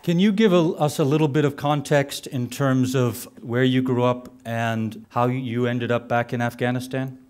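A middle-aged man introduces guests at a podium microphone in a conference room. He speaks in a mid-range voice and fills his pauses with frequent ums and uhs. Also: mid-range voice, steady tone, darkish tone, clear, resonant tone. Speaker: briefing moderator. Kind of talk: formal introductions.

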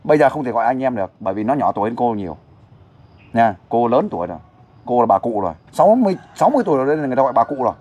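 A man's voice: medium pitch, big pitch swings, rapid-fire, darkish tone, slightly rough, lo-fi sound. A man hosting a casual interview, talkative, blunt and coaxing. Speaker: host.

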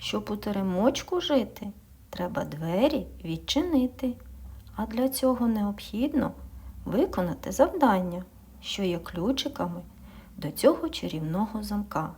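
Slow, breathy-voiced woman teaching small kids. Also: mid-range voice, animated, a little mellow. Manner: slow, patient, asking and answering her own questions, drops into whispers. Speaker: kindergarten teacher. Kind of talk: speech lesson for young children.

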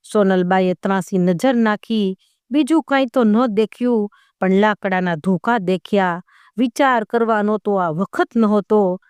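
Smooth-voiced woman telling a folk tale. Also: medium pitch, a little mellow, no echo, clean studio sound. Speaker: storyteller. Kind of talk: scripted folk-tale narration.

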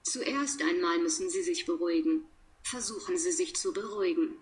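A woman reading example sentences for a language lesson, one by one, in a measured, deliberate way with pauses between them. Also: fairly low pitch. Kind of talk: slow read-aloud of example sentences.

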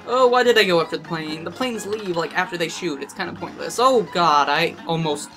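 A let's play gamer giving excitable gameplay commentary and exclaiming often while playing. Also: mid-range voice, brisk, over music.

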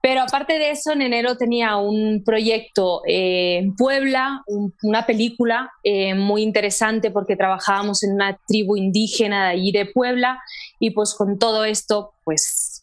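A young woman from Barcelona with a Spanish accent, an actress chatting as a guest in an interview over a video call, talking warmly with many fillers. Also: mid-range voice. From Catalonia, Spain. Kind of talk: casual interview chat. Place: home room, indoors. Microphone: earphone headset on a video call.

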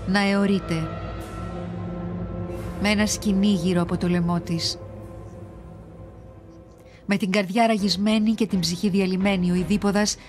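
A woman narrates an ancient myth for a children's series in a steady, measured storytelling voice. Her pitch sits in the middle range, and soft music plays quietly behind her.

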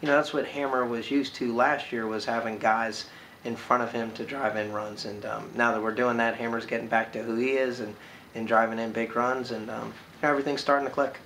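A man in his thirties, a baseball coach giving a postgame interview, talking quickly and filling pauses with "you know". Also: mid-range voice, flat delivery, fairly bright tone, a little hiss or hum, low-quality recording. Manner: filler-heavy, with frequent "you know"s. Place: indoor room by large windows.

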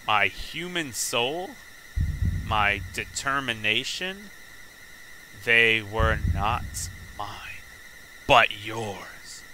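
A man voicing a cold, eerie reawakened human spirit in a slow, hushed, ominous delivery. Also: lowish voice, expressive, a little hiss or hum, full character voice, low-quality recording.

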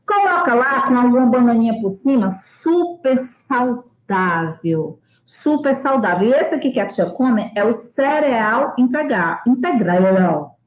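A woman from Brazil, an English teacher in a live online lesson for children, slowly repeating words for them to copy and calling herself auntie. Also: a little high, lively intonation, echoey room, poor audio. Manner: slow, drawn-out repetition of words for children to copy; calls herself auntie and reads out viewers' names. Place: home kitchen.

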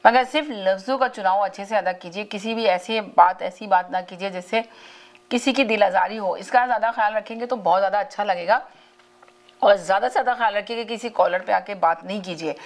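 A woman's voice: mid-range voice, a little fast. A woman hosts a live call-in talk show, her easy to hear. She talks at length to her viewers, circling back and restarting phrases as she asks them to keep their words polite. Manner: repeats and restarts phrases while urging callers to speak politely.

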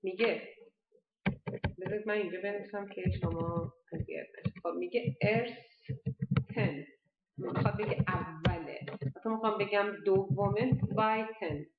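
Woman teaching a language class, slow careful words, muffled echoey recording. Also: mid-range voice, steady tone, a little hiss or hum. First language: Persian. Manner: patient, explains step by step, slow careful German words. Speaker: German teacher. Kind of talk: online language lesson. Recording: dull lo-fi echoey room.

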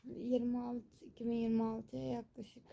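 A woman's voice: fairly high pitch, flat delivery, moderate pace, creaky, dark tone, low-quality recording. Exasperated young woman ranting about exams. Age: young adult. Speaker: exam student vlogger. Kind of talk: casual vlog rant. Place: bedroom at home.

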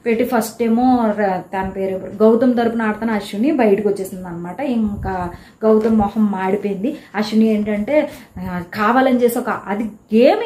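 A woman giving a casual, animated recap of a reality show episode, telling who quarreled with whom. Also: mid-range voice. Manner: chatty, animated retelling of quarrels. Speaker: show reviewer. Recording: echoey room.

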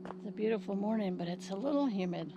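A woman's voice: mid-range voice, animated, fast, dark tone, lo-fi sound. A middle-aged woman talking casually to her camera as she hikes, somewhat out of breath, musing aloud in short phrases. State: out of breath from climbing. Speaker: vlogger. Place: outdoors on a wooded hillside trail. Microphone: handheld camera at arm's length. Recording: outdoor trail sound with clear background noise.

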